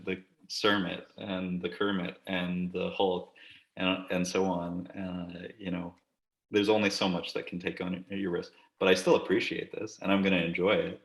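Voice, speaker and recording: A man's voice: sits low, creaky, a bit bright, reverberant, poor audio. A man co-hosting a casual podcast chat, rambling and joking, with casual swearing. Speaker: podcast co-host. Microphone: desk camera.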